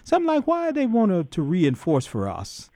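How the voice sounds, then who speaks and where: A man hosts a call-in radio show in a folksy, preacherly way, hitting points in emphatic bursts. His voice sits a bit high for a man. It is recorded close and dry in a studio. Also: huge pitch swings, normal speed, mellow, no echo. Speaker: radio talk show host. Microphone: studio microphone.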